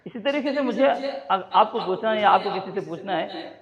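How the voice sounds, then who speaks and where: A man's voice: high-pitched, animated, crowd noise. A man teaching a class, prompting students for a phrase and then repeating and explaining their answers. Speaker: Arabic teacher. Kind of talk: classroom language drill. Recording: dull lo-fi classroom recording. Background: students in the room.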